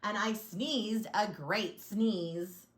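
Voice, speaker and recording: Speaking extremely slowly in a mid-range voice, a woman plays a male wolf in a storybook read-aloud recorded in an echoey room. The wolf is chatty and self-pitying, telling his version of events in a sly, aggrieved, folksy way, complete with theatrical sneezes.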